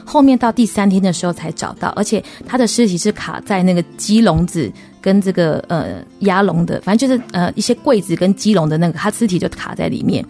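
A woman, a funeral director, telling her experiences in a radio interview in an earnest, emotional way with many pauses and fillers. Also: fairly low pitch, mellow, soft background music. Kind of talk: personal storytelling in a radio interview.

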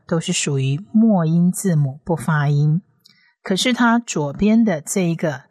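A woman teaches Hebrew reading one letter at a time. She speaks in a fairly low voice and draws out each sound, saying it two or three times over. The recording is dry and close, with no room sound. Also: darkish tone, dry recording. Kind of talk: explaining letter by letter, slow repetitions.

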